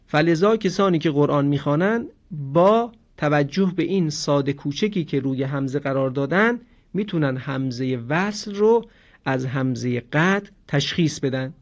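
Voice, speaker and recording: A man teaching a grammar lesson slowly and clearly, stopping to sound out words as examples. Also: fairly high pitch. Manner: slow, explanatory, demonstrates pronunciation. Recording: dull lo-fi recording.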